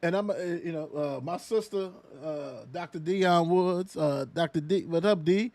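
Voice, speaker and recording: A man hosting a casual sports talk show, riffing in animated, slangy banter with plenty of fillers. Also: fairly high pitch, measured pace, dry recording.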